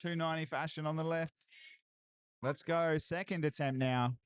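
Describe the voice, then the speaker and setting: A man doing live, excitable commentary on a strongman deadlift event, hyping lifts and chatting with viewers. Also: a little high, normal speed, clean tone, no echo. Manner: excitable hype, repeated cheers and laughs. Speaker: livestream commentator.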